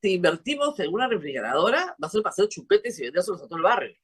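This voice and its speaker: Animated, husky Peruvian woman host. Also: fairly low pitch. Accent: Peruvian Spanish. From Peru. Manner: emphatic, exclamatory, quick asides. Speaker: show host. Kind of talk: animated TV interview chat.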